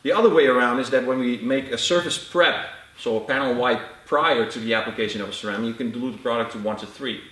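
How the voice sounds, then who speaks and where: Halting man explaining products, roomy and distant. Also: mid-range voice, a bit bright. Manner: halting, with frequent uh fillers. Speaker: product expert. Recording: roomy echo, off-mic.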